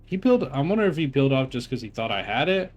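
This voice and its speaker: A man's voice: mid-range voice, very animated, fast talker, a little mellow, faint music behind. Rambling, cursing young male gamer. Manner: rambling, profane, heavy on filler words and self-corrections. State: phlegmy, clearing his throat while eating. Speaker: gamer reviewing his own raid footage. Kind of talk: casual gameplay commentary.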